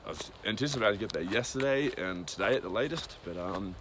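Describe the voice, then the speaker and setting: A man's voice: on the low side, lively intonation, quick pace, noisy background. A man giving a casual, rambling daily update on a hiking trail, with many ums and side tangents. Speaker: long-distance hiker. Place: outdoors on a cold trail.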